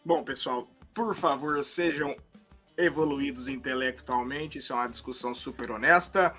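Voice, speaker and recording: A man's voice: mid-range voice, moderate pace, sharp tone, husky, soft background music. A Brazilian man hosting a podcast in a casual chat, moving the topics along with joking, ironic asides. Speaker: podcast host.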